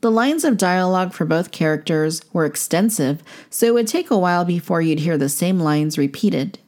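Female documentary narrator, scripted read, slightly low pitch. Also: lively intonation, normal speed, darkish tone.

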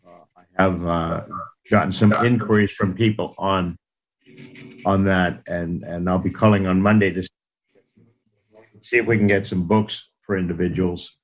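Deep-voiced man on a glitchy, breaking-up call. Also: steady tone, unhurried, pauses often. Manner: hesitant, repeats words while restarting sentences. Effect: glitchy call audio that breaks up and cuts out. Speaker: participant on a conference call. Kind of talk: casual meeting talk. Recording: breaking-up conference call line, sounding far off.

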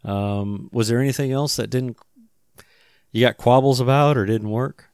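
A man's voice: medium pitch, normal speed, a little mellow, clear, resonant tone, no room sound, clean studio sound. A man hosting a casual movie review chat, talking hesitantly and restarting his sentences often.

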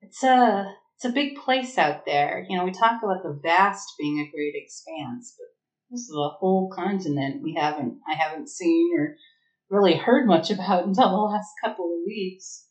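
A woman voicing a wry, warm adventurer with a roguish streak, talking in a gently teasing and reflective way. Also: lowish voice, normal speed, lightly acted. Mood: wistful. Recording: echoey room.

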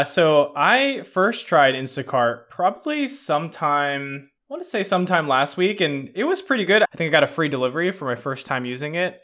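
Bright-voiced easygoing male podcast host. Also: a little high. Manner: easygoing, brief agreeing replies. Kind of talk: casual podcast hosting.

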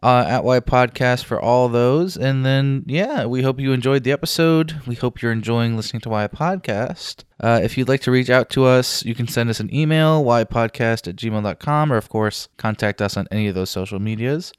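A man's voice: medium pitch, moderate pace, hardly any pauses, clear, resonant tone, clean studio sound. A man giving a casual podcast announcement as co-host, heard in an echoey room. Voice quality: echoey big-room sound.

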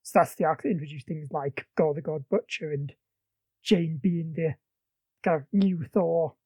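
Podcast co-host: woman, lower voice, dry close sound, keen comics talk. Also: normal speed, darkish tone, husky, no echo. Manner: enthusiastic comics fan, chatty. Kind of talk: casual film review chat.

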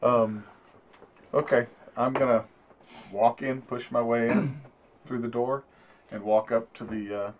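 A man's voice: medium pitch, fairly even intonation, unhurried, pauses often, lo-fi sound, a little hiss or hum. A man playing a tabletop game, talking casually and laughing easily. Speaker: player.

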